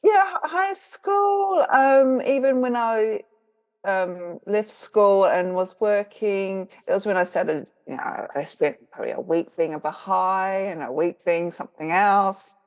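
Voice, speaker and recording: On dull audio, a middle-aged woman with a medium-pitched, darkish voice speaks a little slowly. A witch and author from rural New Zealand with a New Zealand accent, she's a guest in a conversational interview, relating her story in a reflective, easygoing way with easy laughter.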